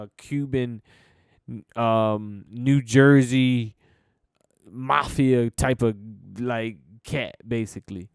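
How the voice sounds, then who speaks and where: A man's voice: mid-range voice, darkish tone, clear, resonant tone, dry recording, studio quality. A young American man hosting a casual solo podcast, rambling and laid-back with many fillers and restarts, swearing casually. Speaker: podcast host.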